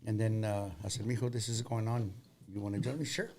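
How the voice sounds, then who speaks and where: A man's voice: lowish voice, fairly even intonation, a little fast, gravelly, darkish tone, a little hiss or hum. A man with a West Texas accent chatting casually as an interview guest, teasing and cutting in. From West Texas, United States. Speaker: band member, interview guest. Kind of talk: casual bantering interview chat.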